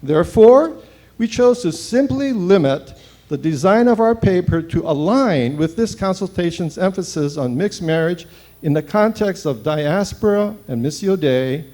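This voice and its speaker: A man in his seventies from Hawaii, presenting at a conference and reading his paper aloud in a brisk, formal way. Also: high voice, animated, dark tone. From Hawaii, United States. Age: 70s. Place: seminary conference hall.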